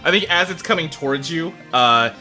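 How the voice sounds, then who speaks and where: A man's voice: fairly high pitch, expressive, brisk, bright, forceful tone, faint music behind. A man improvising narration as game master in a hesitant, conversational way.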